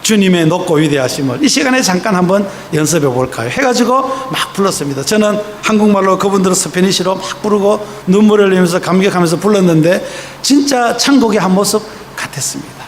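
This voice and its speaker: A high-pitched man preaches with fervor in a church sanctuary, his voice carried by a long, echoing reverb. Faint room ambience hums underneath as he tells stories, easing into softer, slower tones for quoted lines. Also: expressive, slight background noise. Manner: impassioned storytelling, slows and softens for quoted voices. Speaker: pastor. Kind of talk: sermon.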